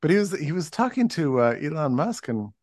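A man's voice: a little high, big pitch swings, brisk, a little mellow, dry recording, clean studio sound. A man from Texas talking as a podcast guest, rambling with restarts and telling stories animatedly. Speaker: guest commentator. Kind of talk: casual conversational analysis.

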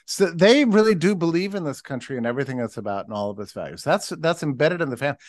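A man's voice: on the high side, expressive, quick pace, no room sound. A man from Texas talking as a podcast guest, rambling with restarts and telling stories animatedly. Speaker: guest commentator. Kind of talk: casual conversational analysis.

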